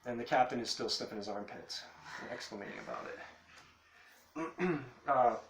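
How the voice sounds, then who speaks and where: A man running a tabletop game as dungeon master, narrating in a halting, rambling way. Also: mid-range voice. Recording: echoey room, faint noise.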